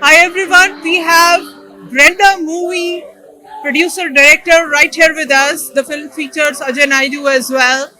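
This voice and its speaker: A woman's voice: sits high, fairly even intonation, unhurried, bright, forceful tone, rough recording. A woman hosting a casual on-camera interview. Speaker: interviewer and host.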